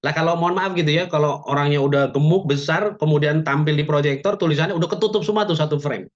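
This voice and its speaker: A man's voice: on the high side, fast talker. A man teaching public speaking in an online webinar, chatty, with joking asides and frequent "ya" tags. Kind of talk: webinar lecture. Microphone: video call. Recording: dull lo-fi webinar audio.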